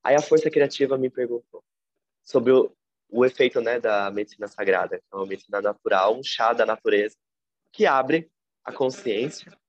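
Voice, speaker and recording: A man with a Brazilian Portuguese accent, a podcast guest telling a personal story in a reflective, animated way. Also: normal speed, dry recording, lo-fi sound. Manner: animated, reflective storyteller with big pitch swings.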